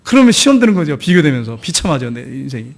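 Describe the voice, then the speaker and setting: A man's voice: a little high, fast talker. A middle-aged man preaching a sermon as pastor, acting out the voices of church members he tells about. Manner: lively preaching, acts out quoted church members.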